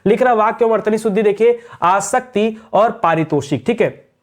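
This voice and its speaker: A man's voice: sits high, moderate pace. Male tutor, lecture delivery, quizzes his students with constant rhetorical questions. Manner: drills answers with repeated rhetorical questions. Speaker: Hindi grammar teacher. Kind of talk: exam revision lecture.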